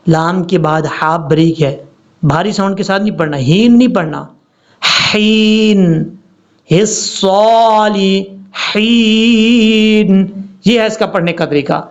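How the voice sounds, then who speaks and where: A man teaching prayer pronunciation, slowly drawing out recited Arabic words between explanations. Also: on the high side. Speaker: tajweed teacher. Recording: dull lo-fi recording.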